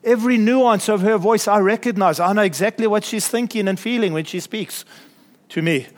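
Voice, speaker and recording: A man's voice: high voice, fairly quick. A man preaching a sermon to his congregation in a church, earnest, with chuckles and asides. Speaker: pastor.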